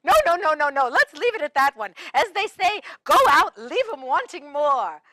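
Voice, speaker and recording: A woman's voice: high-pitched, very animated, normal speed, bright, forceful tone, dry recording, heavily acted. A woman playing a jolly, sing-song Mrs Claus. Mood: delighted. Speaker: children's show host. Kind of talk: children's show role-play.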